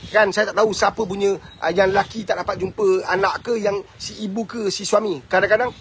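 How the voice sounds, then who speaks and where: A man with a Malaysian Malay accent hosting a live advice talk, answering viewer questions in an animated, preachy and teasing way. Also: high voice, brisk, a little hiss or hum. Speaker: host giving advice.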